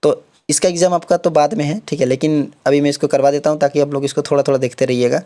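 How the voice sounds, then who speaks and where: A young man runs through an exam syllabus in a relaxed tutoring tone. His voice sits a little high, and he keeps checking in with his listeners as he explains each point, sliding English terms into his sentences. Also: fast talker. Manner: repeats "theek hai" often, mixes English terms into Hindi. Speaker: online exam-prep tutor. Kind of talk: casual explanatory lecture.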